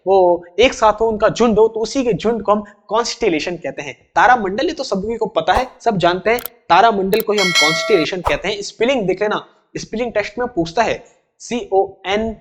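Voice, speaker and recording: Man, Indian accent, English teacher, high-pitched voice, explains step by step, repeats key words. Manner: reads English definitions slowly, then explains in Hindi. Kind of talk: exam-prep vocabulary lesson.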